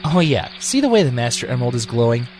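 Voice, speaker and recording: An actor playing a suspicious, hot-tempered echidna guardian in an amateur radio drama, blunt and sarcastic. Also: male voice, medium pitch, big pitch swings, fast, a little mellow, soft background music, natural voice. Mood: hostile, sarcastic. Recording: noisy home recording.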